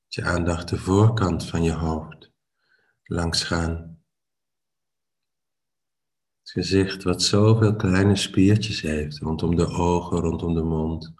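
Very low, even-voiced man guiding relaxation. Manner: calm, unhurried, with short pauses between phrases. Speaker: guided meditation teacher. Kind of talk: slow guided body-scan relaxation.

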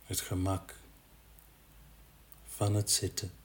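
A man guiding a body-scan meditation in a gentle, unhurried manner with long pauses. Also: low voice, monotone, a little hiss or hum. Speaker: meditation guide.

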